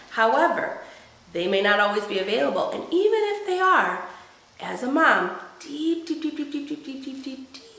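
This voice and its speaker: A woman's voice: mid-range voice, creaky, a bit bright, roomy sound, rough recording. A woman with a cold talking to camera about motherhood in a chatty, wry, self-mocking way. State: has a cold. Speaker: mom vlogger. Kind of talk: casual chat to camera.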